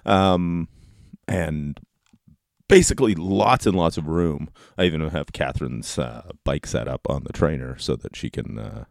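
A man hosting a podcast solo in a casual, rambling way, with halting, informal delivery. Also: very deep voice, gravelly, no room sound, studio quality. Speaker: podcast host. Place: basement office at home. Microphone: close podcast microphone.

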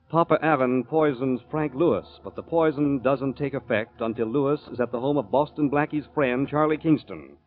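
A man narrating a recap as announcer of an old radio show, with a brisk and formal delivery. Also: medium pitch. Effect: old radio show broadcast. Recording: tinny lo-fi vintage radio recording.

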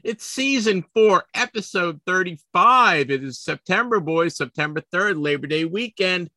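A man's voice: sits high, expressive, unhurried, sharp tone, no room sound. A man hosting a sports collectibles podcast, chatting casually, rambling and poking fun at himself as he trips over his words. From Boston area, US. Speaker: podcast host.

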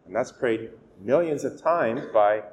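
A male priest reading the gospel and preaching a weekday homily at a steady, measured pace, his voice ringing with a long cathedral echo. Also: mid-range voice, dull audio. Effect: long cathedral-style echo. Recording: echoey church hall with faint hiss.

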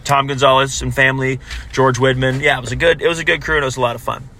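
A man co-hosting a casual soccer recap, correcting himself as he goes, heard on low-quality audio recorded while driving in a car. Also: flat delivery, fast talker, bright, forceful tone, slight background noise. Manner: talks through standings with frequent self-corrections. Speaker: podcast co-host. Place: moving car.

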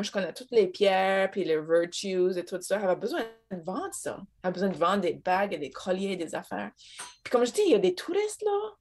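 A woman's voice: mid-range voice, darkish tone. A young woman with an Acadian French accent, a podcast guest chatting casually and mixing English words into her stories. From Acadia, Nova Scotia. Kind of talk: casual chat.

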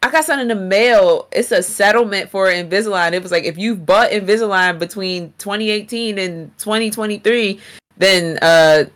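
An American woman co-hosting a podcast in casual, slangy banter, talking with clear dental aligners in. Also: medium pitch, moderate pace. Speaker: podcast co-host.

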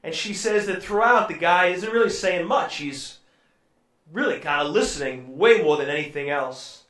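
A man's voice: fairly high pitch, expressive, moderate pace, fairly bright tone. A man preaching a sermon and retelling a story in a conversational way, with frequent ums and uhs. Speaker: pastor. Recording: echoey room, voice from far off.

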